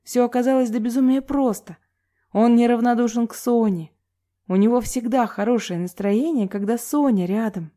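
A woman reading a novel aloud in an even, measured storytelling manner. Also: a little high. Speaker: audiobook narrator.

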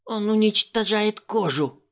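A man doing a high, croaking old professor. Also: unhurried, fairly bright tone. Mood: haunted. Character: frail, confused old male professor, feverish and fearful.

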